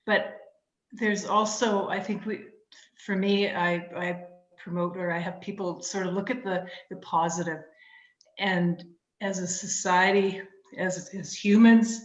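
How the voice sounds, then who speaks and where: A woman giving a hesitant toast on a video call, pausing to find her words. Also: medium pitch. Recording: echoey, dull video call audio.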